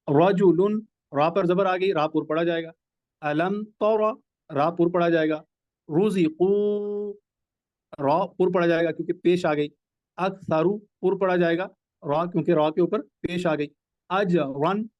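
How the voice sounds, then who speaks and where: High-voiced patient tajweed teacher, man. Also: dry recording, muffled recording. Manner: patient, repeats rules and examples slowly. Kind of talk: live online class lesson. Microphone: video call.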